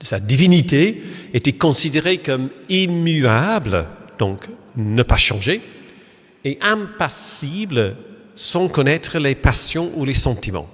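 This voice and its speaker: A man's voice: on the high side, big pitch swings, slow, fairly bright tone. A man with an English accent, a pastor giving a lecture-style church talk in French, hesitant with many fillers and restarts. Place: Protestant church hall. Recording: long reverb of a church hall.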